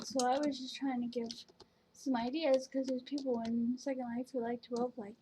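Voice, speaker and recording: Woman vlogging from home, fairly high voice, rambling, faint hiss behind. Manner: rambling, hesitant, many fillers and restarts. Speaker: vlogger reviewing virtual canes. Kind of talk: casual chat. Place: at home at her computer.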